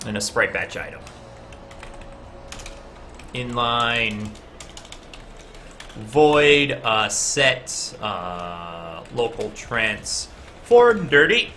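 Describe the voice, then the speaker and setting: A man talks through his code on a live stream, thinking out loud and guessing as he goes. His voice is bright and forceful, at an ordinary pitch. Soft music plays faintly behind him. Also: sing-song, drawn-out words, long pauses. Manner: chatty, talks to viewers in chat between code explanations; guessing and reasoning out loud with frequent "uh". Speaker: game developer streaming his coding.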